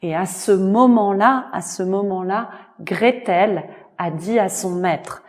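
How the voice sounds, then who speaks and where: A woman telling a folk tale slowly and expressively for French learners, repeating key words. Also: medium pitch. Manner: very slow, repetitive, expressive. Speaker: storyteller and language teacher. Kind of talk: slow storytelling for French learners.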